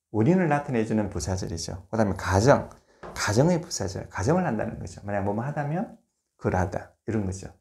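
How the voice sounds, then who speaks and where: A man giving a recorded grammar lecture, explaining step by step, posing rhetorical questions, and slowing down to spell out examples. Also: medium pitch, darkish tone. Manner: slows to spell out words and examples.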